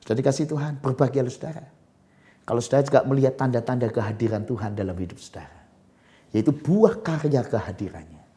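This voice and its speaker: A male pastor preaching a sermon, moving between hushed murmurs and loud exclamations. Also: mid-range voice, quick pace.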